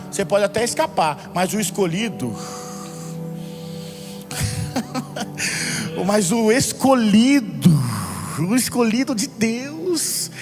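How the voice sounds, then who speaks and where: Male pastor, high voice, sermon that swells from chatty to shouted fervor, long hall reverb, soft music under. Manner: builds from low conversational talk to fervent shouting. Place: church hall.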